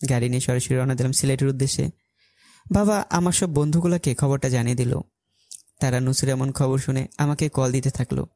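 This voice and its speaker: Dark-voiced man narrating a story. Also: mid-range voice, steady tone, fairly quick, dry recording. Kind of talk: first-person story narration.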